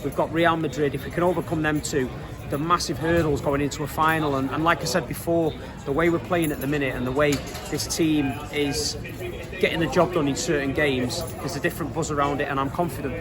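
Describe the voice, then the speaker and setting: A Manchester-accented man with a slightly high voice speaks over a busy crowd outdoors. He talks as a football fan in a casual interview, earnest and colloquial, leaning on repeated points. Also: fairly even intonation, fairly quick.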